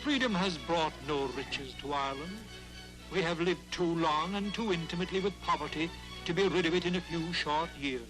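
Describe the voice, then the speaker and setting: A man making a measured, formal statement on an old newsreel soundtrack. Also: on the high side, music in the background, rough recording. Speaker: speaker in a documentary film.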